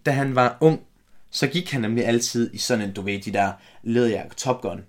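A man from a small Danish island co-hosts a relaxed podcast chat. He tells anecdotes with lively bursts and laughs readily. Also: medium pitch. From Læsø, Denmark. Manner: animated storyteller, laughs often. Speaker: podcast co-host. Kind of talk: casual chat.

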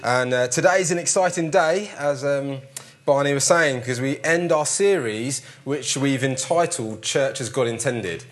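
Guy pastor chatting easy to his church, big hall echo on his voice, mid-pitched. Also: measured pace. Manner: relaxed, chatty, many fillers. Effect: echoey sound in a big hall. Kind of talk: sermon welcome to a congregation. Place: large cinema auditorium used for church.

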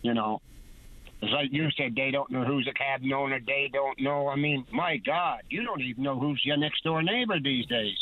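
A man's voice: medium pitch, moderate pace, no room sound. A male caller on a call-in radio show, heard over the phone, talking in a plain-spoken, rambling way. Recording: narrow phone line.

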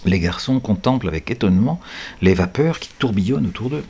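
A low, husky male voice reads a children's adventure story aloud. His pitch rises and falls freely as he follows the action, and he pauses now and then to correct himself. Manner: lively, animated read-aloud with hesitations. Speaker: parent reading aloud to a child.

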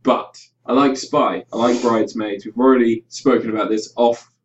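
A man's voice: mid-range voice, steady tone, normal speed. Opinionated male podcaster who rants casually and swears, captured muffled on a distant webcam mic. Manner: ranting, sweary, mimics others in mock quotes. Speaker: podcast host. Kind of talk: casual opinionated film chat. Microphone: webcam about five feet away.

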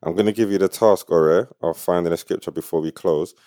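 A young man with a low, deep voice and a London roadman accent. He chats casually as a podcast host, using loose street slang. The sound is dry and close. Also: steady tone, fairly quick, warm tone, no echo. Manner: slangy, informal street talk.

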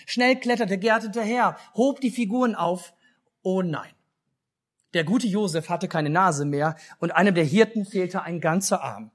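A man with a German accent telling a children's Christmas story in a church service, speaking lively and asking the children questions. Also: sits high, normal speed. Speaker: pastor.

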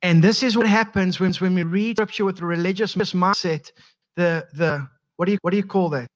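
South African male pastor, high-pitched, stumbling repetitions in his preaching, muffled recording. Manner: halting, repeats words often. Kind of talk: sermon. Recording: dull lo-fi sound.

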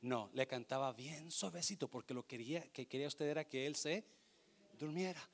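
A man preaching a sermon, swinging between loud emphatic lines and soft, hushed storytelling, with bits of English mixed in. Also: on the high side, moderate pace.

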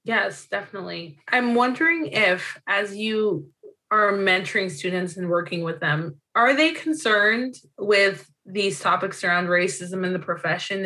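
A woman's voice: medium pitch, pushed and bright, low-quality recording. A woman from Zimbabwe raised in North America, a native Shona speaker, interviewing in a thoughtful, conversational way. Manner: thoughtful, uses "you know" often.

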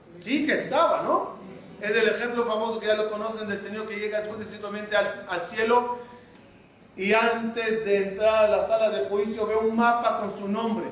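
A man, a rabbi, telling a story in a sermon, acting out the dialogue with lively energy. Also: high voice. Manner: animated storytelling, acts out dialogue. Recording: echoey room from a distant mic, faint noise.

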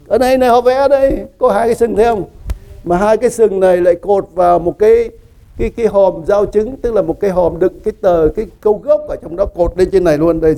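A man preaching a sermon in a church, his voice high and gravelly with a dark tone. He teaches in an animated way, quizzing his listeners and laughing at his own jokes. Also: rough recording. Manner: animated teaching, asks the congregation questions; laughs often, joking asides. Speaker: pastor.

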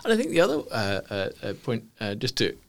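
A middle-aged man speaks as an interview guest, with a gravelly, creaky texture to his voice. He talks in an animated, emphatic way and often restarts his phrases as he builds his points. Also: fairly low pitch, quick pace. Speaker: guest, management consultant. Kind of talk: conversational interview answers.

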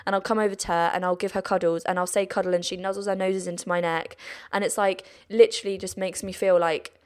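A woman's voice: medium pitch, fast talker. A young woman from the United Kingdom, a podcast guest, talking casually and emotionally, often acting out what family members said. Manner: chatty, emotional, quotes family in lively voices. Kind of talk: casual chat.

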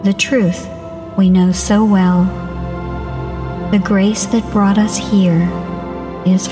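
A woman voicing a brave, calm young female bear who answers a villain in soft but clear, steady verse. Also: mid-range voice, takes it slowly, over music, lightly acted. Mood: resolute.

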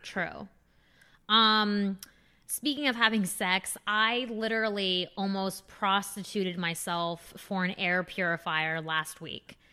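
A woman's voice: medium pitch, steady tone, slow pace, sharp tone, clear, resonant tone. A young woman co-hosting a podcast, chatting candidly and laughing often, with lots of fillers. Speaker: podcast co-host. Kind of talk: casual podcast chat.

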